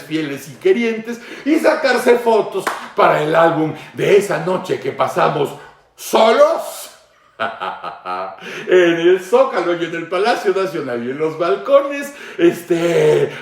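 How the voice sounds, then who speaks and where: Mexican guy doing satirical news talk, gravelly voice, pitch jumps all over, sounds a bit off-mic in an echoey room. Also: far from the mic. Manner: mocking and playful, acts out shouts and echoes, laughs often. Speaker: host. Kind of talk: satirical political commentary.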